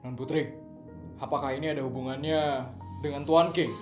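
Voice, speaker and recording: A man's voice: steady tone, close to an everyday voice. A man voicing a loyal, stern male bodyguard who speaks politely and formally in an online drama. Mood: concerned. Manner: polite, formal, low and measured. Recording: echoey room, faint music.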